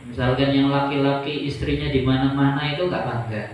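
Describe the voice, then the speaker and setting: A man giving religious advice to boarding school students, slow and measured with pauses and gentle humour. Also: mid-range voice, little pitch movement, dull audio, noisy background. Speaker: Islamic boarding school teacher. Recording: very echoey hall, voice from far off.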